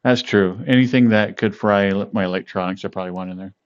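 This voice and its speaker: A man streaming live and chatting casually with viewers, laughing often and greeting them by name in a relaxed, meandering way. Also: on the low side, clean tone. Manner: relaxed, meandering, with fillers and pauses. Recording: dull lo-fi stream audio.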